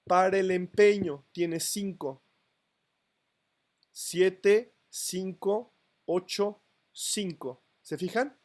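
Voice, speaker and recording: A man's voice: high voice, extremely slow, long pauses. A man lecturing on poetry to a class, counting syllables aloud and checking that students follow. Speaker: literature teacher. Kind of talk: university lecture.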